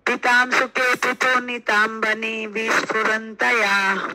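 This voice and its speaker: Woman, slow verse reciter; glitchy, breaking-up call audio, mic too close. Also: on the high side, level tone, pushed and bright, rough recording. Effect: choppy, breaking-up online call audio. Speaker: verse reciter in a scripture class. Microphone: too close to the mic on an online call.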